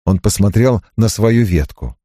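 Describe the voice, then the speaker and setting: A man narrating a novel as an audiobook in an expressive, measured reading. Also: on the low side, no room sound, clean studio sound.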